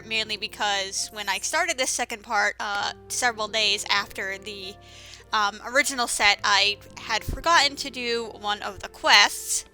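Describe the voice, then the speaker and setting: A woman's voice: a little high, sharp tone. A woman giving casual, rambling commentary over a game playthrough, with many fillers and restarts. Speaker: let's-play commentator.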